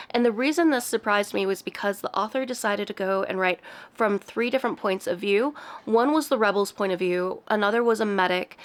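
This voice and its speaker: Chatty young woman with a cold. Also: mid-range voice. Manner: chatty, rambling, laughs lightly. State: has a cold, voice a bit off. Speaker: book vlogger. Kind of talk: casual book review chat.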